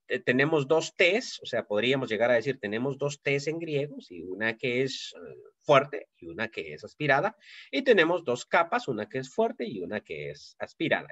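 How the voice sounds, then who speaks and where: A man teaching a Greek grammar class, explaining slowly with many fillers and checks for understanding. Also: medium pitch, fairly bright tone, no room sound, highs cut off. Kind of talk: recorded class lecture.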